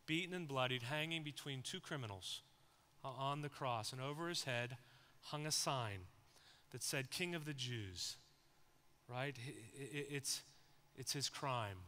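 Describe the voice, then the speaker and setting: A male pastor giving a sermon, building from quiet storytelling to loud, impassioned preaching. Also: medium pitch.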